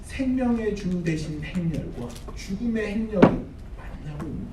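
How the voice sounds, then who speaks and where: A man's voice: high-pitched, lively intonation, moderate pace, warm tone, a little hiss or hum. A man preaching a sermon as pastor, dramatic, acting out the figures he quotes. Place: church sanctuary. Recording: echoey hall, mic at a distance.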